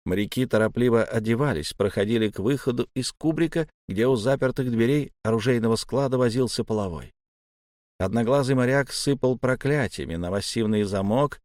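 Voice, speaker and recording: A man reads a novel aloud in the first person, measured and steady, at an ordinary middle pitch. The sound is dry and close to the mic, with no room around it. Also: no room sound. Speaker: audiobook narrator. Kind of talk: scripted first-person narration.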